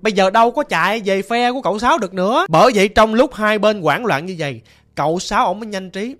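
A storyteller with a Southern Vietnamese accent narrating a ghost story in a lively, chatty way, slowing to chant incantations. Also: mid-range voice.

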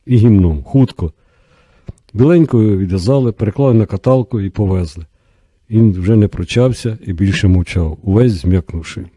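A man narrating an audiobook in a steady, measured storytelling manner. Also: lowish voice, slightly rough, no echo.

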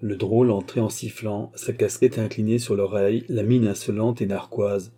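A man narrating a classic novel as an audiobook in steady, measured storytelling. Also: lowish voice, slightly rough.

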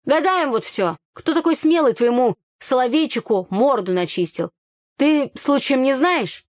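A woman's voice: high voice, lively intonation, a little slow, no echo, clean studio sound, voice pushed up. A woman voicing a brash, gossipy young village woman who talks bluntly in slang.

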